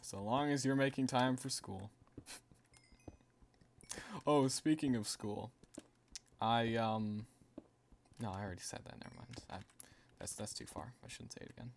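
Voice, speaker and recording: A man's voice: mid-range voice, unhurried, long pauses, a little hiss or hum. A man livestreaming a game, chatting casually and rambling while reading out viewer messages, laughing now and then. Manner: rambling, chatty, laughs often and reads out chat. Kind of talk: casual gaming stream chat.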